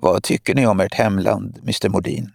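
A man reading the part of a cold, scheming woman spymaster who mocks and lectures her captive, his voice gravelly and low. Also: fairly even intonation, darkish tone, dry recording, studio quality, exaggerated voice. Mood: mocking. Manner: mocking, lecturing, menacing.

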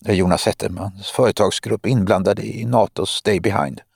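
A man's voice: fairly low pitch, steady tone, creaky, darkish tone, no room sound, clean studio sound. A man voicing a terse, defiant captive. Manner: terse, muttering.

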